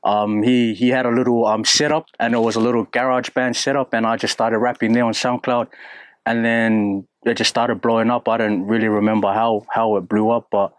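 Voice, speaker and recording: A young man from New Zealand with a New Zealand accent, talking candidly and haltingly in an interview, with many fillers and restarts. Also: mid-range voice, little pitch movement, dry recording. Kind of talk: casual interview.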